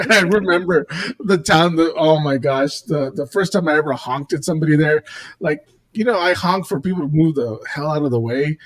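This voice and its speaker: A man's voice: on the high side, moderate pace, dry recording. Rambling storyteller man, dry sound. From Pacific Northwest, USA. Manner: rambling, restarts, laughs through stories. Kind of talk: casual storytelling chat.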